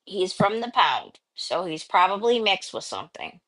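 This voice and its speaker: A woman's voice: mid-range voice, very animated, moderate pace, a bit bright, low-quality recording. A woman in her thirties hosting a live stream, chatting casually and joking around. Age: 30s. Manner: teasing, jokey. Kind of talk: casual chat.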